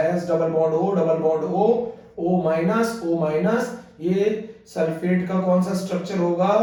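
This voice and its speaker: Male chemistry teacher with a high voice who drills students with repeated questions, recorded far from the mic in a very echoey room. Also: darkish tone. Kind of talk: classroom lecture.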